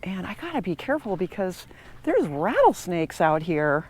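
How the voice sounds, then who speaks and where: A woman's voice: on the low side, sing-song, normal speed, a little mellow, a little hiss or hum. A woman in her sixties talking casually while walking outdoors through a campground, in a chatty, reflective way. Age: 60s. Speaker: travel vlogger. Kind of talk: casual vlog monologue.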